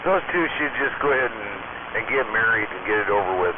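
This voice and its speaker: Casting: folksy man, casual rambling radio chat, thin band-limited sound buried in loud static. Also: on the low side, lively intonation, fast talker. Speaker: radio hobbyist. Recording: very noisy, staticky narrowband radio room audio.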